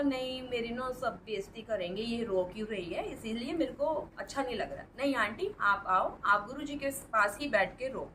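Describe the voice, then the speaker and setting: A woman's voice: high-pitched, a bit bright, recorded from a distance, a little hiss or hum, low-quality recording. A middle-aged woman earnestly telling her personal testimony to a devotional congregation, often addressing the listeners directly.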